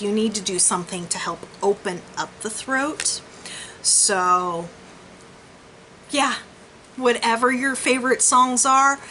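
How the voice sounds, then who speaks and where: A woman speaks as a crystal and chakra healer giving a personal reading. Her delivery is casual and conversational at a middle pitch, wandering into asides as she thinks out loud. Background noise is clearly present behind her voice. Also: poor audio. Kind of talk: casual, rambling spiritual reading.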